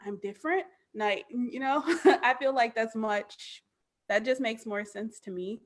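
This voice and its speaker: A woman in her thirties, a podcast guest, talking in an animated, emphatic casual way with lots of "like". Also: on the high side, slow pace. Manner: animated, emphatic, frequent "like" fillers. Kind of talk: casual chat.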